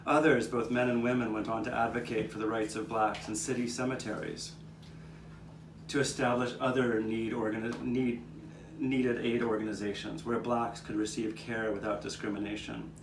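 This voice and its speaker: A puppet-show narrator speaks in his natural, medium-pitched voice at normal speed with little pitch movement, playing a 19th-century Philadelphia man earnestly recalling his neighbors' struggles. It's scripted first-person historical storytelling, performed live in an outdoor courtyard. The recording is roomy, the mic distant, and background noise is noticeable.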